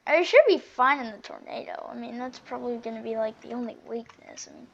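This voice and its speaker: A woman with a fairly high, gravelly voice talks a little fast as she keeps up a casual running commentary on a game. She often seems to be talking to herself, her volume swinging from muttered asides to loud exclamations. The mic sounds slightly dull and lo-fi.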